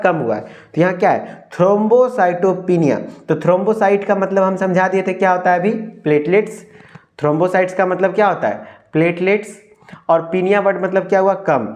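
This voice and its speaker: A man's voice: high-pitched, a little mellow. A young man with a Hindi accent giving an exam-prep lecture as a pharmacy tutor, asking questions and answering them himself and repeating key terms.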